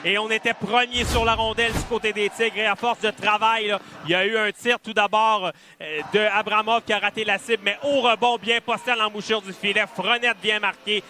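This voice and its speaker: A man with a Quebec French accent giving animated live colour analysis of a hockey game. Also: high-pitched, a little fast, a little hiss or hum.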